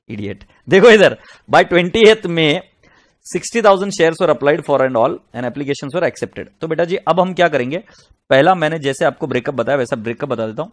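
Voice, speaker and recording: A man's voice: a little high, lively intonation, normal speed. Scolding man teaching accounts. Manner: scolding, exasperated outbursts between problem explanations; addresses students as beta ji. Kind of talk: classroom lecture mixing Hindi and English.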